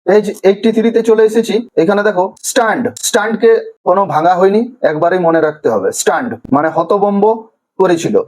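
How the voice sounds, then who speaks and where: This Bengali primary school English teacher has a high voice with a darkish tone, heard through a low-quality recording. Teaching vocabulary word by word in class, he pronounces each one slowly and stretches it out syllable by syllable.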